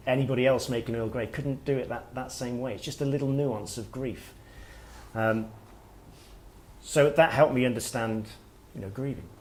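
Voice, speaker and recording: A middle-aged man, an author giving a workshop talk, speaking in a reflective, halting way as he thinks aloud. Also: mid-range voice, a little mellow, a little hiss or hum. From Wales. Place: workshop room with listeners.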